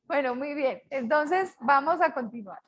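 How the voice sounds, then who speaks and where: An older woman from Colombia with a Colombian accent, teaching a class with a lively, joking manner. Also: high-pitched, measured pace, a little hiss or hum, poor audio. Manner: lively, jokes with students. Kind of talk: online class lecture.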